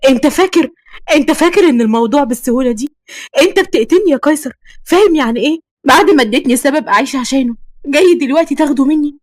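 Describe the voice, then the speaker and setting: A woman's voice: high-pitched, very fast, no room sound, clean studio sound, lightly acted. A woman with an Egyptian accent voicing a heartbroken young woman who pleads in tears, in a storybook reading. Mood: tearful. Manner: tearful, pleading.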